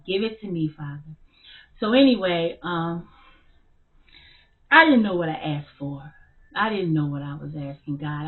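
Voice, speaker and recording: A woman telling her story of spiritual struggle in a halting, hesitant way, full of fillers and restarts. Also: low voice. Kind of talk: personal spiritual testimony. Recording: tinny phone-like sound.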